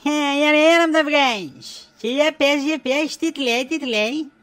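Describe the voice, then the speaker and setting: A woman's voice: sits high, fairly bright tone. A woman playing a nosy middle-aged wife in a comedy sketch, pushy and prying for gossip.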